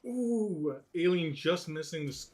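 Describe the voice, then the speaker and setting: A man's voice: on the high side, lively intonation, a little slow, crowd noise. A man co-commentating live on a video game match in a casual, reactive way with lots of interjections. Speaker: esports co-commentator.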